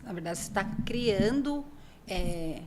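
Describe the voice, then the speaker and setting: A woman's voice: mid-range voice, takes it slowly, background noise. A woman, a podcast guest talking earnestly and emotionally in a casual interview. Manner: earnest, emotional, lively intonation.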